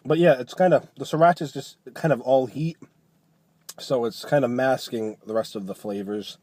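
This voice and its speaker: A man's voice: medium pitch, moderate pace, darkish tone, no room sound. A man giving a casual, chatty food review, talking loosely and often rephrasing as he goes.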